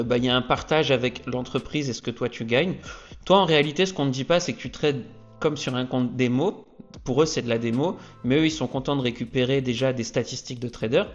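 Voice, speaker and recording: Energetic male explainer, conversational, slightly lo-fi recording. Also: mid-range voice. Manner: energetic, peppers lines with "ok?". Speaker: trading youtuber. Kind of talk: casual explainer talk to camera.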